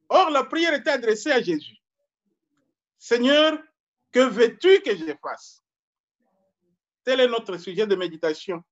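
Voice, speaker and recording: A man from Congo, a pastor preaching a sermon slowly and deliberately, repeating his key phrases. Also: high voice, dull audio.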